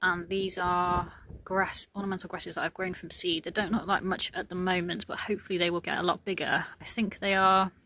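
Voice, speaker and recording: Low, gravelly woman touring her garden. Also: fairly quick. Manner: relaxed, chatty, many ums. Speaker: gardening vlogger. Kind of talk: casual garden tour narration. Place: outdoors in a garden.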